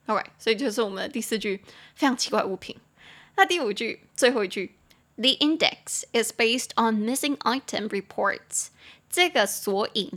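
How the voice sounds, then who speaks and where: A woman's voice: mid-range voice, a bit bright. A young woman hosts an English lesson podcast, chatting about vocabulary, giggling and spelling words out letter by letter. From Taiwan. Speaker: podcast host and English teacher.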